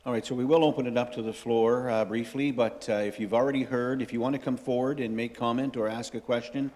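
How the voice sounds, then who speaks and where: A man's voice: medium pitch, steady tone, fast talker, a little mellow. A man chairing a council meeting as mayor, courteous, with frequent uhs. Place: council chamber. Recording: council chamber with long reverb.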